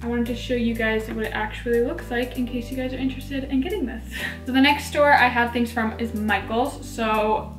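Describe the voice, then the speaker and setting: Woman, late teens, lightly lisping around a dental tray, casual and chatty, slightly high voice, echoey room. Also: steady tone, normal speed. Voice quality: slight lisp from a teeth-whitening tray in the mouth. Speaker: video host. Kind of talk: casual haul vlog chat. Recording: echoey room, music underneath. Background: background music.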